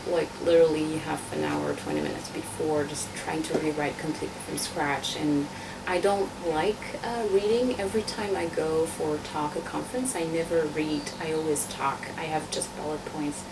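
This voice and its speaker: A constituent assembly member, a woman from Tunisia who was born in France, answers interview questions as a guest about her assembly work. She sounds hesitant, with many fillers and restarts, yet her low, gravelly voice moves at a moderate pace with few pauses. The mic is distant and the room noisy.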